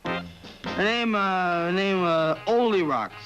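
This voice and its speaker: A man's voice: high voice, lively intonation, brisk, lo-fi sound. An actor playing a tipsy man in a 1960s film comedy, fumbling and mangling his words while under hypnosis. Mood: tongue-tied. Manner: tipsy, tongue-tied fumbling. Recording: old film soundtrack with music.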